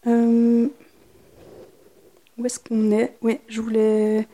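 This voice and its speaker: A woman's voice: on the high side, monotone, very slow, mellow. A woman author giving a public reading of her own plays to a live audience, with commentary in between where she hesitates and searches for words.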